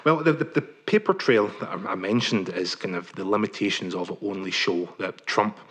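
A man, a journalist answering interview questions in a measured way, with many pauses and ums. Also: lowish voice, fairly bright tone, slightly rough. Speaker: journalist guest.

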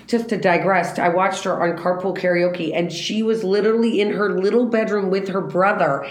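A woman's voice: medium pitch, fairly even intonation, normal speed. A middle-aged woman hosting a podcast, chatting playfully and casually with a guest. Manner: chatty, playful, laughs easily. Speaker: podcast host. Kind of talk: casual interview chat. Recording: echoey room.

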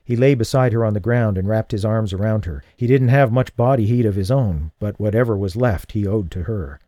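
A man giving a dramatic audiobook narration of a thriller, measured and slowing for tense beats. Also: on the low side, warm tone, no echo, clean studio sound. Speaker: audiobook reader.

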